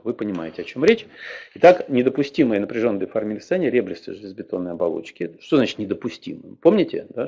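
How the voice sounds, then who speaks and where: An older male lecturer with a husky, somewhat low voice that rises and falls in lively swings. He talks in a loose, digressive way, often pausing to check that his listeners follow. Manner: digressive, frequent filler particles and tag questions. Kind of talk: academic lecture.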